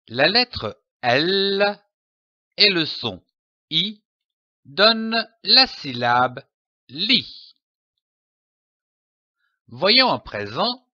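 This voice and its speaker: A man teaching a reading lesson, spelling out syllables slowly and clearly with emphatic delivery. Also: a little high, sharp tone, no echo, highs cut off. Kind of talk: slow, deliberate reading lesson.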